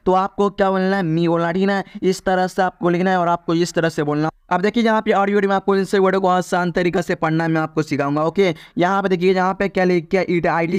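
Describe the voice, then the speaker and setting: Male Hindi English tutor, high flat voice, repetitive drilling delivery. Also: clear, resonant tone, no echo, studio quality. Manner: repetitive quiz-style drilling with "theek hai na?". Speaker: English teacher. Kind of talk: Hindi-language English lesson.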